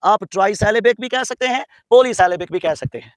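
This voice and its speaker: A man's voice: sits high, expressive, measured pace, no room sound, poor audio. A man from Pakistan teaching an English grammar lesson. He asks students questions, answers them himself, and spells out English terms carefully. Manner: calls students "beta". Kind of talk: classroom lecture mixing English and Urdu.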